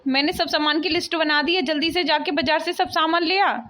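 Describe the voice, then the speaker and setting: A woman's voice: very high voice, steady tone, a little fast, sharp tone. A woman voicing a nagging, easily offended elderly mother-in-law in a cartoon comedy. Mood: scolding. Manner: scolding, complaining.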